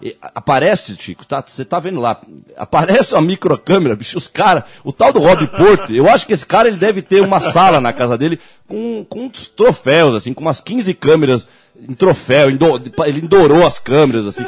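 A man's voice: fairly high pitch, lively intonation, brisk, husky, soft background music. A man, co-hosting a podcast in a loose, profane, rambling and jokey rant. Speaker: podcast co-host. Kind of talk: ranting casual chat.

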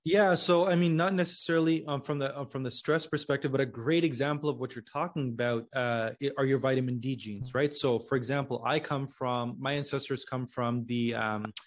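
A man's voice: mid-range voice, fairly even intonation, brisk, few pauses. A man from Pakistan, a company co-founder guesting on a podcast, explaining patiently and checking in with his listener. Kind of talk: casual conversational interview.

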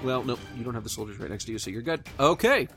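A man's voice: mid-range voice, animated, racing, fairly bright tone, faint music behind. A man running a tabletop game as game master, chatty, with frequent laughs.

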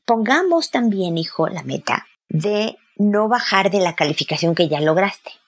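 A woman's voice: mid-range voice, animated, a little slow. A woman gives direct parenting advice to a listener, speaking to her by name and acting out sample conversations. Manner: direct and explanatory, addresses the listener by name, acts out sample dialogues. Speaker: parenting advisor answering a listener. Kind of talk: advice talk addressed to one listener.

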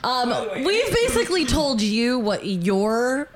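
A woman's voice: on the high side, big pitch swings, slow pace, noisy background. A woman co-hosting a comedy podcast, chatty and giggly, swearing casually. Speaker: podcast co-host.

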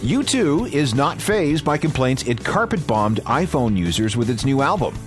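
A man's voice: mid-range voice, sing-song, moderate pace, loud music behind the voice. A man co-hosting a tech podcast, chatting casually, often stammering and laughing. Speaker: podcast co-host.

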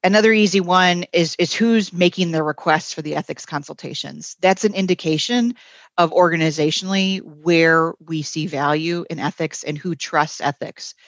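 Her voice sits lowish and moves at a moderate pace as this health system ethics executive answers in a conversational podcast interview. She makes her points frankly, with some fillers along the way, on a dry, lo-fi recording.

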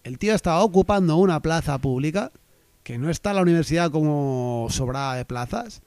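Joking podcast host, slightly high voice. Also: male voice, expressive, a little fast, darkish tone, dry recording. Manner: joking, rambling with many fillers. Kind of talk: casual satirical chat.

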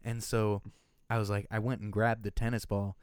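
A man's voice: fairly low pitch, flat delivery, moderate pace, a little mellow, clear, resonant tone, no room sound, clean studio sound. A young man co-hosting a podcast, chatting casually and telling rambling stories full of swearing. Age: young adult. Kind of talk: casual chat.

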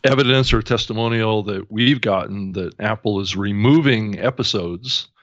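Low-voiced halting male podcast host. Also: no room sound. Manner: halting, full of fillers. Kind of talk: casual chat. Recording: dull dry lo-fi sound.

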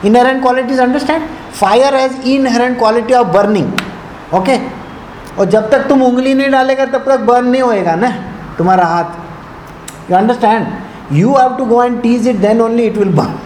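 A man's voice: extremely high pitch, very fast, darkish tone. A man with a South Indian accent giving an informal spiritual discourse, didactic and conversational, often checking that listeners understand. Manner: switches between English and Hindi. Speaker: spiritual teacher. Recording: echoey room with faint noise.

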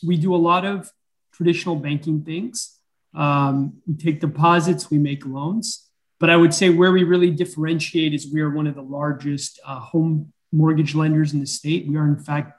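A man on a video call, answering interview questions as a bank president in an unhurried way, with frequent fillers and throat-clearing. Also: a little high, low-quality recording.

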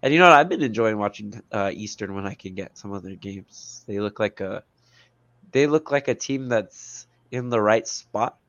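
A man's voice: lowish voice, normal speed, dry recording, muffled recording. A man with a congested, stuffy nose from allergies, chatting casually about sports as a podcast co-host. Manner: stuffy-nosed, nasal. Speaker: podcast co-host, soccer coach.

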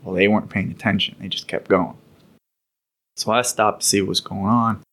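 Steady in tone and moving at a normal speed, a man with a lower, fairly bright voice tells casual stories about his military days on a podcast. He wanders from point to point, relaxed, with the odd laugh along the way.

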